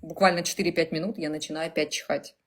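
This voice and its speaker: A woman's voice: low-pitched, fairly even intonation, quick pace. A woman in her thirties, a client on a video call, answering hesitantly and searching for words. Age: 30s. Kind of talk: casual conversation.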